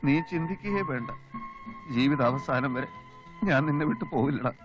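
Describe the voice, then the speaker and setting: An actor playing a cocky petty thief who answers with boastful, teasing retorts, in a slapstick film comedy. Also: male voice, medium pitch, expressive, normal speed, muffled recording, over music, lightly acted.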